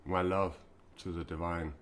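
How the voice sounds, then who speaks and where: Danish man, low deep voice, spiritual live-stream talk, halting with fillers, faint noise behind. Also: flat delivery. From Denmark. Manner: halting, many fillers and restarts.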